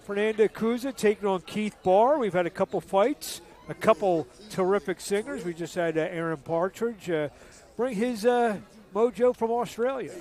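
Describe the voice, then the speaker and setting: A man opening a live boxing broadcast segment with an energetic, projected delivery. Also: sits high, moderate pace. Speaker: broadcast host. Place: music venue boxing event.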